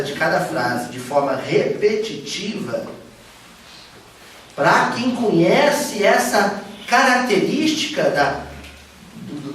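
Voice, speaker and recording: A man's voice: high voice, a little hiss or hum. A man teaching a study group, talking casually and asking his listeners questions. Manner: animated, asks listeners often. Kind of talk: informal teaching talk. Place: study room of a spiritist center. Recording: echoey room from far off.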